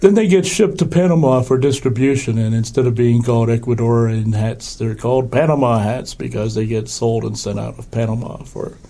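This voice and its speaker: Casting: male curator guest, dark mellow gravelly voice roughened by a cold, dry and casual. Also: mid-range voice, steady tone, brisk, few pauses. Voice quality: gravelly, throaty. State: throat trouble from a cold. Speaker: museum curator, interview guest. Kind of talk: casual podcast interview.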